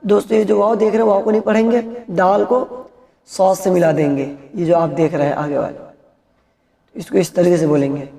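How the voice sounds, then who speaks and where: A man with an Indian Hindi-Urdu accent teaching Quran reading, chanting verses in a slow, drawn-out melody and explaining pronunciation quickly in between. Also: high voice, steady tone, creaky, mellow. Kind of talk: Quran recitation lesson. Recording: roomy echo.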